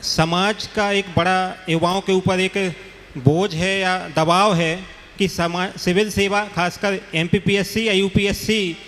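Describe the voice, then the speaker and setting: A high-pitched man, a questioner at a gathering, earnestly asks a monk for guidance in formal, respectful phrasing. Long reverb from the hall trails his voice. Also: fairly even intonation, measured pace, fairly bright tone. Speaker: audience questioner, government officer.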